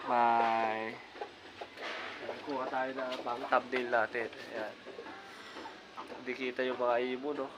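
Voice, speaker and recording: A man's voice: medium pitch, little pitch movement, slow pace, long pauses, over music, rough recording. A man with a cold, chatting casually to viewers while he shows off a big bird cage outdoors, filming on a phone. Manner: chatty, repeats filler words often, addresses viewers directly. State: has a cold. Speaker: vlogger showing his bird cage. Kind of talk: casual vlog walkthrough. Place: outdoors in a yard beside a large bird cage.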